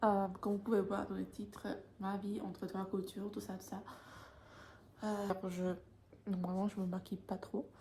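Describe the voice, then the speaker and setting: A woman's voice: mid-range voice, level tone, moderate pace, dark tone, slight background noise. A woman in her twenties chatting to camera in a casual vlog, hesitant and full of fillers. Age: 20s. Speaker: YouTuber.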